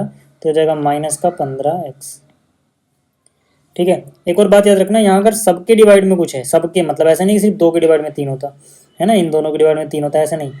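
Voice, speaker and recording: A man's voice: high voice, mellow. A male maths teacher, patiently explaining steps in a casual lesson video.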